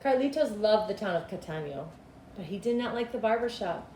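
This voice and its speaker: The middle-aged principal reads a kids' storybook aloud, her mid-range voice expressive and her pacing deliberate, like a storyteller. She's filmed from a couple of meters off inside a small cinderblock school room. Expect an echoey sound with plainly audible background noise.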